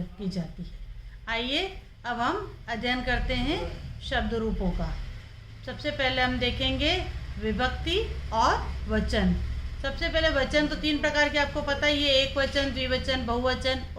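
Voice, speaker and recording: A woman's voice: high voice, sharp tone. A woman teacher explaining grammar patiently and reciting word forms in a sing-song list. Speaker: Sanskrit teacher. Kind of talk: classroom lesson recital. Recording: echoey room.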